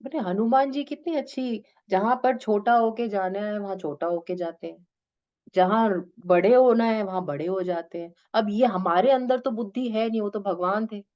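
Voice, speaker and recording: A woman teaching a spiritual discourse to her students, gently coaxing them and slipping English phrases into her talk. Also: mid-range voice, moderate pace, lo-fi sound. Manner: gentle, coaxing, addresses listeners as "beta".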